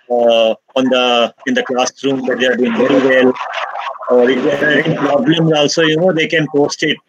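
A man with an Indian accent offering suggestions informally in an online meeting, pausing as he goes. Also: mid-range voice, fairly bright tone, low-quality recording. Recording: video call with clear background noise.

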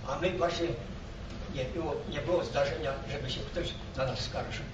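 An old man from Poland with a high-pitched voice recalls his past as a veteran. He rambles haltingly, circling back over his phrases. The recording is muffled and clearly noisy. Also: fairly even intonation. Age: elderly, 80s or older. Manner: old man's halting, repetitive storytelling with broken-off words. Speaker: war veteran interviewee. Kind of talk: rambling spoken reminiscence. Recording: roomy, muffled, noisy, distant microphone.

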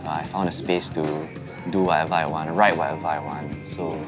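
A young man with a very low voice talks through his past in a documentary interview. He is loose and reflective, with casual fillers, and a clear music bed plays under him. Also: steady tone, a little fast. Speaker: band musician.

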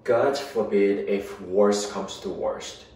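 Deep-voiced man vlogging among ruins. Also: slow, warm tone, slightly rough, low-quality recording. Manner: chatty, explaining on the move. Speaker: travel vlogger. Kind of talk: travel vlog narration.

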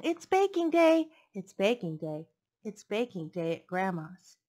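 A librarian in her thirties reads picture books aloud for children in a living room, her headset mic capturing a playful, sing-song storytime delivery. Her mid-range voice is very animated and unhurried, with a dark tone.

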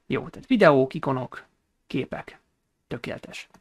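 A man teaching a coding tutorial over a screen recording, explaining each step and pausing often on hesitation sounds. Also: medium pitch, lively intonation, no echo. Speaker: programming instructor.

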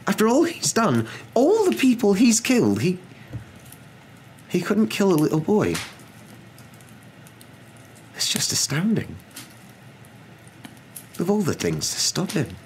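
Guy doing an older witch professor, pitched way up, stern but rattled, swoopy, storybook reading. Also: huge pitch swings, slow, pauses often, fairly bright tone, a little hiss or hum, heavily acted. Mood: stunned. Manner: faltering, emphatic, indignant.

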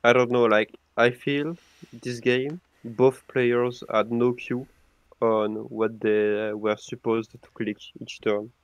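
Delivering flat, casual gaming commentary as a guest on a podcast, a man stammers while being quick to question plays and dissect the game's moves. His medium-pitched voice is clear and resonant, with no room sound.

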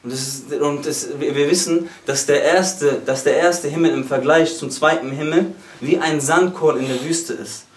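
A man's voice: a little high, normal speed, hardly any pauses. A man preaching a sermon to a gathered audience, fervent and emphatic, often calling out exclamations and restarting his sentences. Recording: roomy echo.

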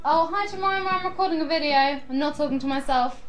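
A young woman vlogging to her camera, rambling excitedly and giggling as she chats. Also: high voice, quick pace. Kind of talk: casual chatty vlog.

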